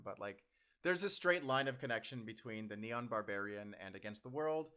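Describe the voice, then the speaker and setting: A young man chatting casually while he answers fan questions, with lots of fillers and bursts of excitement. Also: lowish voice. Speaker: audio drama creator answering fan questions. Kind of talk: casual Q&A chat.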